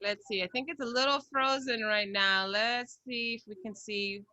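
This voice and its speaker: A woman's voice: on the high side, fairly even intonation, moderate pace, bright, forceful tone, no echo, lo-fi sound. A woman in her thirties hosting a casual interview over a video call, effusive and encouraging with her guest. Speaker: show host, interviewer. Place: home room with bookshelves. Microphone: computer on a video call.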